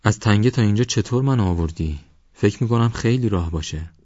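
A man voicing an anxious young man who keeps pressing questions on his silent rescuer in an audiobook, pitched higher than his own narrating voice. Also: expressive, mellow, no echo, muffled recording.

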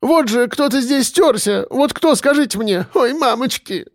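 A panicked country woman cries out in a piercing, high wail, as a man reading the story puts her on. Her voice climbs far above his own and every line comes out as a desperate, drawn-out lament. The storybook recording is dry and close. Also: lively intonation, no echo, full character voice. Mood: frantic wailing. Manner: shrill wailing lament. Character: frantic country woman robbed at market.

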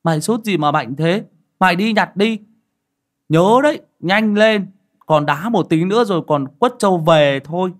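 A man voicing impatient village boys who shout orders at a friend. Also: sits high, normal speed, voice pushed up, close to an everyday voice. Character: bossy village boys at play.

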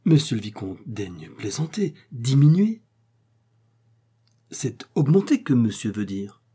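Man voicing a servile concierge, stammering, husky, dark timbre, pitched up. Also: big pitch swings, normal speed. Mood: flustered pleading. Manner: stammering, pleading, raised pitch. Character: flustered middle-aged male concierge, servile and shocked. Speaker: character in a read story. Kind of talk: audiobook character reading.

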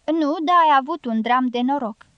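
A woman's voice: sits high, clear, resonant tone, no echo, dull audio, natural voice. A woman voicing a bossy, snapping older matriarch. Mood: gruff. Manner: curt, scolding retorts.

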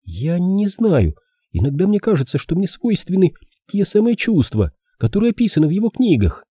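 A man voicing a desperate nineteen-year-old woman in an audiobook, high and pleading. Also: big pitch swings, moderate pace, mellow, breathy edge, dry recording, studio quality, exaggerated voice. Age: young adult.

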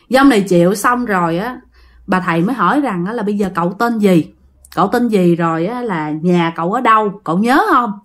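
A woman with a Southern Vietnamese accent telling a ghost story in a chatty way, repeating phrases and talking straight to her listeners. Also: medium pitch. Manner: chatty, repetitive, addresses listeners directly. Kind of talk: casual ghost story narration.

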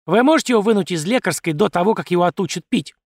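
A man voicing a loud, coarse, domineering peasant wife who scolds and bosses everyone. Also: lively intonation, rapid-fire, no room sound, clean studio sound. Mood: scolding. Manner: shrill, scolding, bossy.

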